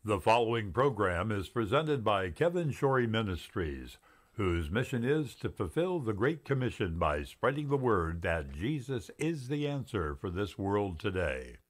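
A man announcing the opening of a show in a booming, showy way. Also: very animated, unhurried. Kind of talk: scripted announcer intro. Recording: music bed under voice.

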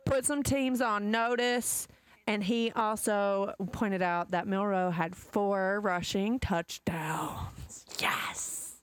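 A woman hosts a casual sports podcast with a smooth, clear voice. She is chatty and laughs easily as she reads out notes and predictions. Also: medium pitch, fairly even intonation, slow pace. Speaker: podcast host. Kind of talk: casual chat.

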